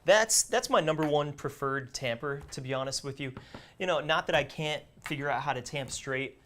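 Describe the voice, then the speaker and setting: A man's voice: on the high side, moderate pace, sharp tone. A young man co-hosting a coffee gear show, chatting in an easygoing, agreeable way. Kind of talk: casual product chat.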